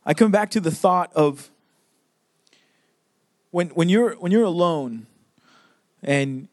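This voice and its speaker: High-voiced emphatic young male pastor. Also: darkish tone, no room sound, studio quality. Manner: emphatic, conversational preaching with repeated phrases. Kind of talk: sermon.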